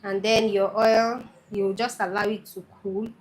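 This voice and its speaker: A woman's voice: mid-range voice, little pitch movement, measured pace, rough recording. A woman with a Nigerian Igbo accent hosting a casual cooking tutorial, chatty and repeating her points for emphasis. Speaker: cooking channel host.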